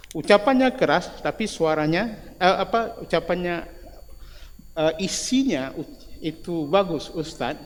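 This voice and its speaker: Man preaching in a reverberant mosque. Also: fairly high pitch. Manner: conversational, often adding tag words between phrases. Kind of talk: mosque sermon. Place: mosque hall. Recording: long hall reverb, faint noise.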